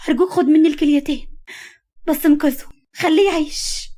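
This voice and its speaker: A woman voicing a desperate young woman, tearful and high. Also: steady tone, rapid-fire, lightly acted. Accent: Egyptian Arabic. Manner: pleading, tearful.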